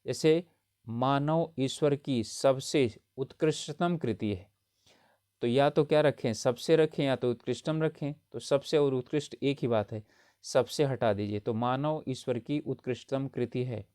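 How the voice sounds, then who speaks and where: In a dry, studio-quality recording, a man with a mid-range, darkish, clear and resonant voice teaches grammar for exam prep at an unhurried pace. He patiently explains each correction, repeating points and checking in with students through frequent "theek hai."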